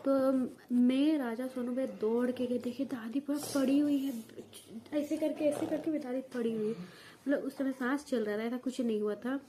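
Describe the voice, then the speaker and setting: High-voiced young woman vlogging from home. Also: steady tone, moderate pace, mellow, slight background noise. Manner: rambling, many restarts and fillers, talks straight to viewers. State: coughing now and then. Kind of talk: casual vlog storytelling. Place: at home, family nearby.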